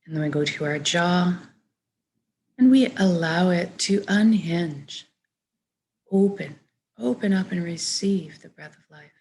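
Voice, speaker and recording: Her lowish voice carries lively intonation as this woman leads a guided meditation, soft, gentle and measured in her soothing instructions.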